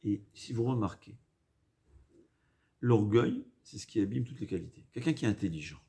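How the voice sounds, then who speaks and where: A man with a foreign accent in French, not his native language, giving an informal Torah lesson, haltingly repeating and rephrasing and mixing in Hebrew quotations. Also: lowish voice, expressive, vocal fry, mellow. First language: not a native French speaker. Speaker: rabbi giving a religious lesson.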